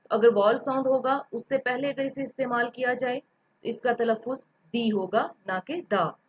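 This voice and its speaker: A woman's voice: a little high, normal speed, husky, low-quality recording. Patient woman teaching grammar. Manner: patient, repeats examples, mixes in English terms. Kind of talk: grammar lecture.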